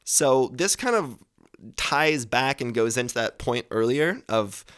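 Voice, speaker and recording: Here the twenty-something podcast host sounds mid-range and smooth, with lively intonation, an unhurried pace and a fairly bright tone. He rambles casually through his advice, cursing freely and fixing his own words mid-thought.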